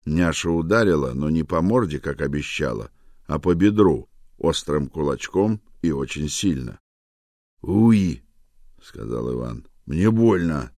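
A man narrating an audiobook with an even, measured delivery. His voice is very low and deep. The recording is close and dry, with no room sound. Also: no room sound. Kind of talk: scripted narration.

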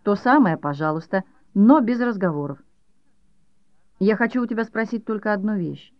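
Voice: medium pitch, lively intonation, normal speed, no echo, lightly acted. An audiobook reader voicing a coarse, stubborn rustic maid who speaks in plain folksy words. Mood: sullen. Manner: plain folksy speech, terse and sulky. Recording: dull dry audiobook recording.

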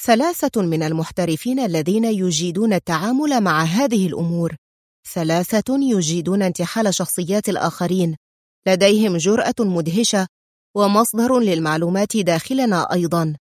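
Woman voicing a sharp angry officer. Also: fairly low pitch, animated, fairly quick, dry recording, studio quality. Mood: forceful. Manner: sharp, forceful, lecturing.

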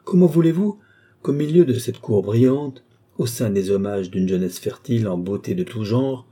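Man doing a passionate middle-aged duke, audiobook, husky, dark timbre, rising pleading tone. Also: lowish voice, moderate pace. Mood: impassioned. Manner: fervent, pleading declamation. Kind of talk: audiobook character reading.

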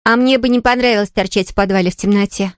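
A woman's voice: mid-range voice, steady tone, fast talker, clear, resonant tone, dry recording, studio quality, close to an everyday voice. A woman voicing a nosy sister who talks in a teasing, mocking way.

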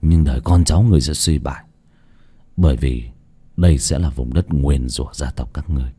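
A man's voice: fairly quick, dark tone, husky. A man voicing a vengeful young man who lays a curse and vows to return. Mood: menacing. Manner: low, menacing, whispered threats.

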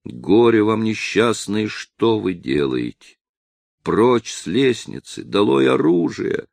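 A man reading aloud as an elderly village headman who begs and commands an angry crowd in turn, his voice raised and urgent. The underlying voice is low, and the audiobook recording is dry and close. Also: expressive, unhurried, no echo. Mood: pleading. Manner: loud impassioned pleading.

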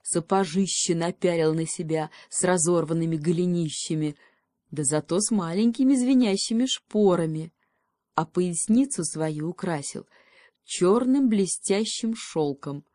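A woman reading a children's fairy tale aloud in a calm, unhurried storybook manner. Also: fairly low pitch, no room sound, studio quality. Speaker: audiobook reader. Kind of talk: storybook narration.

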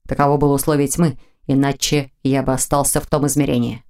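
A woman voicing a male dark mage in dragon form, speaking low, growly and commanding. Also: level tone, fast. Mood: calm commanding. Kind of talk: audiobook character voicing.

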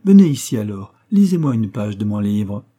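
A man voicing a prim, stern old spinster aunt who questions a child in a measured, schoolmistress tone. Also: medium pitch, lively intonation, warm tone, husky. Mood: stern, probing.

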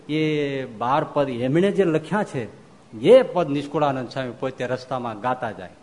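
A man, a monk giving a devotional storytelling sermon, animated and acting out the speech of the people in his story. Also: on the high side. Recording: long hall reverb.

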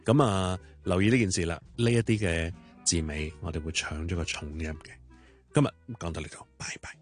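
A man's voice: sits low, fairly even intonation, a little fast, soft background music. A man hosting a short radio English lesson, explaining patiently and spelling words out letter by letter in a radio studio.

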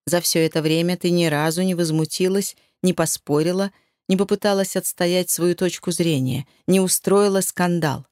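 A woman's voice: on the low side, normal speed, a little mellow, dry recording, clean studio sound, close to an everyday voice. A woman voicing a cold, domineering male master who taunts and demands in an audiobook. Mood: scornful.

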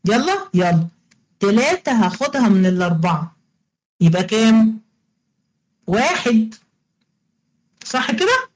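A woman's voice: mid-range voice, expressive, a little slow, pauses often, darkish tone, rough recording. A woman teacher with an Egyptian Arabic accent, giving an online lesson in a playful, coaxing way, repeating each step and quizzing her students. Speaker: religious studies teacher.

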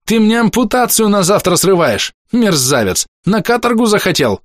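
A man reading an audiobook, voicing a furious, bullying army doctor who shouts and threatens. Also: high-pitched, very animated, normal speed, no room sound, studio quality, voice pushed up.

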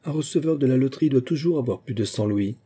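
A man voicing a proud French count who is quick to take offence, speaking courtly and insistent on his honour, in an audiobook. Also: mid-range voice, warm tone, husky, pitched above the performer's own voice, close to an everyday voice. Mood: pressing. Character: proud touchy male French nobleman, a count.

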